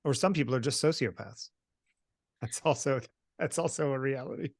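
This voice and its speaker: A man's voice: medium pitch, moderate pace, vocal fry, dry recording. Matter-of-fact man, dry close sound. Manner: relaxed, matter-of-fact, pushes back. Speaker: guest photographer. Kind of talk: conversational discussion.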